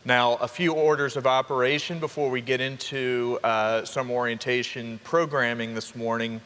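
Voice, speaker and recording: A young man, a college dean of students giving an upbeat orientation welcome to students and parents, with quick asides to the crowd. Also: mid-range voice, fairly even intonation, fairly bright tone. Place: large hall. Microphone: handheld microphone. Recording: reverberant hall with faint ambience.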